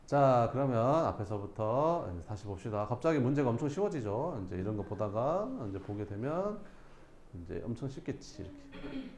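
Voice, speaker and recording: A man's voice: medium pitch, big pitch swings, normal speed, a little mellow, reverberant, a little hiss or hum. A male math teacher giving a classroom lesson, casually questioning students and answering himself.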